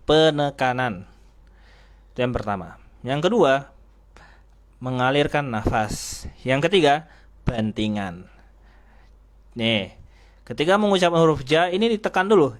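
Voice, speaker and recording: A man teaching Quran recitation, sounding out Arabic letters and asking his students questions. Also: mid-range voice. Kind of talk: tajwid lesson. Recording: faint noise with clicks.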